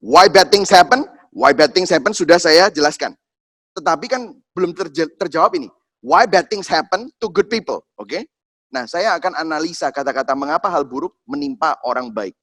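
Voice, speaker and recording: Brief: pastor in his forties, high voice, lively storytelling sermon that addresses the congregation. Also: moderate pace. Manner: animated storytelling, addresses listeners as Saudara, mixes in English.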